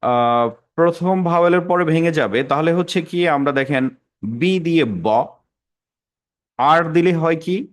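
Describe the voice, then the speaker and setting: Patient male pronunciation teacher. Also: a little high. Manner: patient, repeats examples slowly. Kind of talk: classroom lesson.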